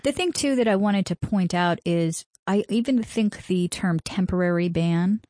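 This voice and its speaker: Lowish teasing woman co-host. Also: normal speed, warm tone, dry recording, clean studio sound. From Massachusetts. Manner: laughs often, teasing, frequent ums. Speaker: podcast co-host. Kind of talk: casual legal and policy discussion.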